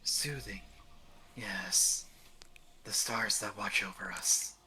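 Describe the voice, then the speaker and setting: A woman voicing a quiet, wistful, mysterious young girl in a video game, soft-spoken and measured. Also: a bass voice, slight background noise, exaggerated voice, rough recording. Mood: calm, wistful.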